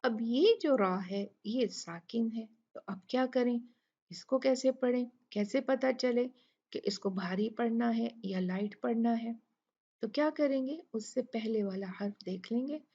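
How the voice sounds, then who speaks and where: A woman teaching a recitation lesson, asking questions and answering them herself, and slowly sounding out example words. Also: on the high side, mellow, slightly rough. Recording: dull lo-fi recording.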